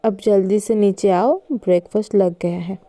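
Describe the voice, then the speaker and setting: A woman's voice: mid-range voice, fairly even intonation, moderate pace, dark tone, no echo, lightly acted. A woman voicing a stern but loving grandmother in a storybook reading, scolding her granddaughters. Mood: gentle. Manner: scolding, then soothing.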